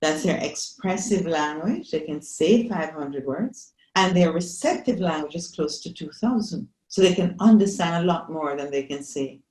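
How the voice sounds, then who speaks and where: A woman with a Jamaican accent speaks from an echoey room over a video call, her voice sitting a little low. She explains like a patient teacher and often pauses to check that her listeners follow. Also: lively intonation, a little mellow. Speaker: psychologist guest. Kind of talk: explanatory interview answers.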